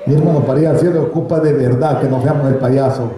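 A pastor preaches a sermon in church, joking and telling stories while calling his listeners brother. His mid-range voice is mellow, fast, and fairly even in intonation. The church hall is echoey, and a faint crowd can be heard.

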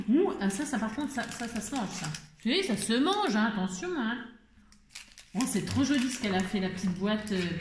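A woman's voice: a little high, reverberant, a little hiss or hum. A woman vlogger chatting casually and exclaiming as she unboxes crafts, talking to her viewers and to herself.

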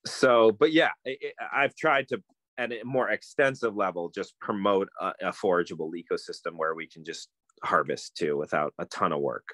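On a phone video call held close, a middle-aged man chats casually from a bookshelf-lined room at home, where he is a guest and a permaculturist. His voice is low yet fairly bright, at normal speed with no echo. He is thoughtful and rambling, full of fillers and restarts.

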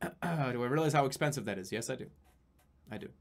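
Streaming live from a small room at home, this thirties-aged man chats casually, reading donations aloud, rambling and cursing with occasional bursts of excited yelling. His pitch is medium and he talks fast.

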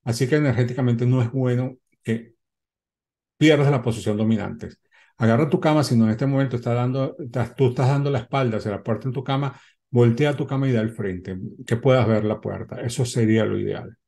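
Gravelly-voiced man giving home advice. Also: mid-range voice, a little fast, dark tone. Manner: instructive, repeats points, checks in with "¿ok?". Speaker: self-help channel host. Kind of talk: direct-to-camera advice talk. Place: indoor room, seated before a window backdrop.

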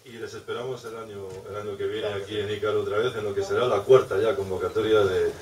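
A man's voice: lowish voice, steady tone, fast talker. A man moderating a bookshop panel, cutting in briefly and closing with a joke. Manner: brief interjections, jokey sign-off. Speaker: event moderator. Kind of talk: panel discussion. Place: bookshop event space. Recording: roomy, distant, loud hiss.

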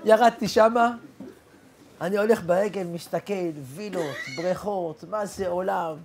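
A man's voice: sits high, a little mellow, a little hiss or hum. A man, a rabbi, telling a personal story in a sermon, acting out the dialogue and adding sound effects.

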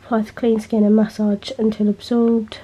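Still nasal after being ill, a young beauty vlogger rambles chattily with lots of fillers while filming freehand on a handheld camera in her bedroom. Her medium-pitched voice is flat, her pace moderate, and the background is noisy.

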